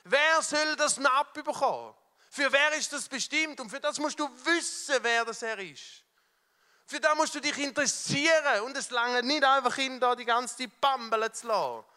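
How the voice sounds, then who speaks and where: A middle-aged man with a Swiss German accent preaching a sermon, telling a story with fervour, dropping from loud to hushed. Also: very high voice, normal speed, clean tone. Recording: long hall reverb with faint music.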